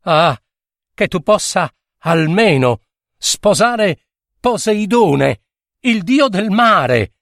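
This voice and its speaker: A man voicing a sly, theatrical male dolphin with a high, exaggerated, sighing voice in a storybook reading. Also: sing-song, drawn-out words, gravelly, fairly bright tone, dry recording, clean studio sound, full character voice. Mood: gushing. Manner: pleading, overacted, like a comedian.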